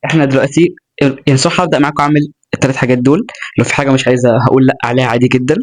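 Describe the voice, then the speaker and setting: Rapid-fire young Egyptian man vlogging. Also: mid-range voice, fairly even intonation. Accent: Egyptian Arabic. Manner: earnest and chatty, with joking asides. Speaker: self-improvement vlogger. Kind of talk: casual motivational talk to camera.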